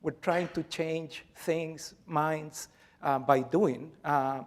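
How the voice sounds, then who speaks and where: A man from Chile, a university professor, giving a brisk, informal conference talk with light jokes. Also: on the high side, steady tone, a little hiss or hum.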